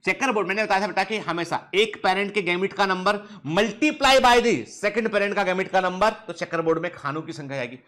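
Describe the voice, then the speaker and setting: A male biology teacher with a high, bright voice leads an online class. He keeps firing questions at his students, repeats each answer, and mixes in joking threats to keep them working. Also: brisk, few pauses. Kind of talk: online lecture. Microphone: touchscreen device close up.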